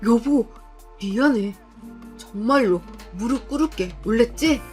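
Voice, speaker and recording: A woman voicing an unsettling husband who pleads and apologizes slowly. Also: on the high side, expressive, a little mellow, faint music behind. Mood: pleading.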